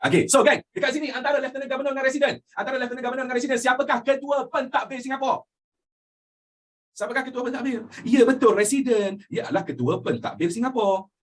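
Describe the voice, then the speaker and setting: A young Malaysian man teaching history with a Malaysian accent, animated and constantly asking his students questions. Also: extremely high pitch, quick pace. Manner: animated, asks students questions constantly, mixes in English phrases. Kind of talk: lively classroom lecture.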